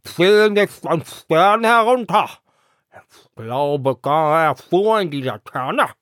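A man voicing an excitable herring head in a storybook reading, loud and exclaiming. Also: on the high side, slow, no echo, clean studio sound, voice pushed up. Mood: excited.

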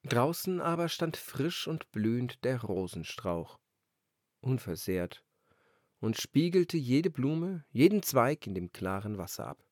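Male storybook narrator, lively melody, dry close sound. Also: mid-range voice, slow, no room sound. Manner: calm, expressive storytelling. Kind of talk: fairy-tale reading.

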